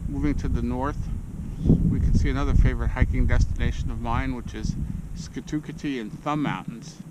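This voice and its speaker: Guy doing a casual hiking vlog outside on a snowy trail, average pitch, lots of wind and outdoor noise. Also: fairly even intonation, brisk. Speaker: hiker narrating own trek. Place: outdoors on a snowy mountain trail, windy in places. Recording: noisy outdoor audio with wind.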